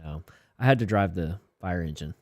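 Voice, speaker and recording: A man's voice: sits low, expressive, moderate pace, no room sound, clean studio sound. A man who works as a firefighter, co-hosting a casual podcast with wry, joking asides. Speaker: firefighter co-host. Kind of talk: casual chat.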